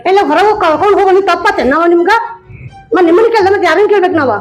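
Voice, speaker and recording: A woman plays a fed-up wife in a village comedy skit, speaking with a North Karnataka accent. She scolds her husband in a rapid, high, argumentative voice, with faint music beneath. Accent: North Karnataka Kannada. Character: angry wife who left her husband.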